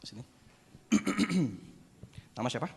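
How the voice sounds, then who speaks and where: A man preaching a sermon to a youth congregation as an animated, joking storyteller. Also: fairly high pitch, extremely slow, creaky, a little hiss or hum. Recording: echoey church hall.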